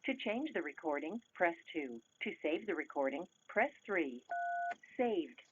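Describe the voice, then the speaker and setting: A woman's recorded voicemail prompts giving measured, clipped instructions, heard over a landline phone. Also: lowish voice, big pitch swings. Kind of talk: recorded system announcements. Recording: muffled phone line, faint hiss.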